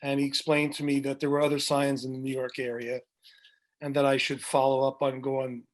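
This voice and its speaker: A man's voice: mid-range voice, completely flat delivery, fairly quick. Rambling middle-aged man telling stories. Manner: rambling anecdotes with many fillers and restarts. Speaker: guest, music director. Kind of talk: storytelling in a video podcast interview. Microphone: video call.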